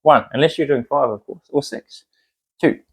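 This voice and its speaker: A fitness instructor with a New Zealand accent demonstrates a home workout, chatting encouragingly and counting reps out loud as he exercises. His husky voice is medium-pitched and moves at a moderate pace.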